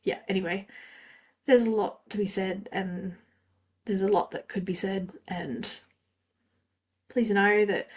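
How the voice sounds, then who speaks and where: With a husky, slightly mellow, medium-pitched voice, an Australian podcast host reflects on her own, musing and regularly letting her sentences fade into fillers.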